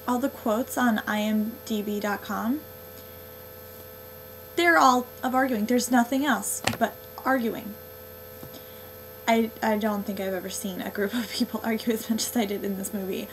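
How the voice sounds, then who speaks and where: A woman's voice: a little high, a little hiss or hum, low-quality recording. A young woman vlogging a casual movie review, sarcastic and exasperated, filling her talk with 'um' and 'like'.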